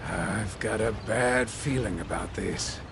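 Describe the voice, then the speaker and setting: An actor playing a cautious companion who frets and voices doubts. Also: male voice, on the low side, slow, vocal fry, background noise. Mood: worried. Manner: fretful, wary. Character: cautious fretful male companion.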